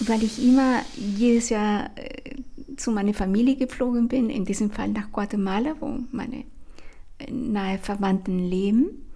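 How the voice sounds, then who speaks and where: A woman's voice: medium pitch, unhurried, mellow, faint music behind. A woman, a language teacher hosting her own podcast and telling stories in an enthusiastic, chatty way with many fillers. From Chile. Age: 50s. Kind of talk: casual podcast monologue.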